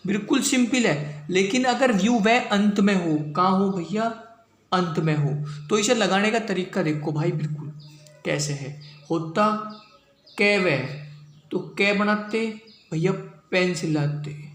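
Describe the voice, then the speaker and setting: A man's voice: high voice, a bit bright. A man teaching a shorthand class step by step, reciting syllables one at a time and calling his students brother. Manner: slow, calls students "bhaiya" and "bhai". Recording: echoey room with faint ambience.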